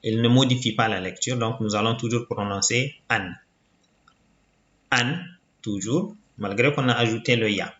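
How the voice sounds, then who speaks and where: A man teaching a reading lesson in a slow, deliberate way, patiently repeating each sound for the learner. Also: on the low side, a bit bright. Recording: muffled, roomy recording.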